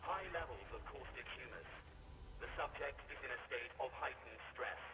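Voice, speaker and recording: Booming metallic robot guard, flat clipped announcements, roomy echo, music behind. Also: male voice, moderate pace. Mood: clinical.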